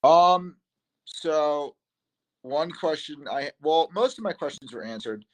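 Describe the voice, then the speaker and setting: A man with a Boston accent, a student talking in an online class over a video call, hesitant and halting. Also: a little high, lively intonation, rough recording. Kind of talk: casual class discussion.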